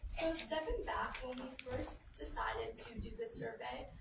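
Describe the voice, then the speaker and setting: A young woman from Connecticut explains her points in a measured, methodical way. Her voice is fairly high, with a gravelly fry. She is heard from across an echoey room with a good deal of noise behind her. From Connecticut, USA. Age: young adult. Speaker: student presenter. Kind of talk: prepared presentation. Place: community center meeting room. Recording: distant, echoey, noisy hall mic.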